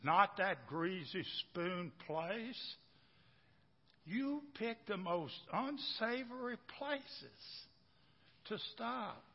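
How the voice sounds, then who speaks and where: A preacher acting a fussy scolding wife. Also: male voice, high-pitched, animated, creaky, breathy edge, voice pushed up, heavily acted. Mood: scornful. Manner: scolding, drawn-out and mocking. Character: fussy complaining wife, middle-aged woman. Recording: dull echoey church hall recording.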